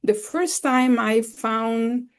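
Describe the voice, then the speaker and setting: A woman from El Salvador, a native Spanish speaker, teaches a slide-based webinar lecture in a slow, gravelly voice pitched a little high. She comes across as enthusiastic and explanatory.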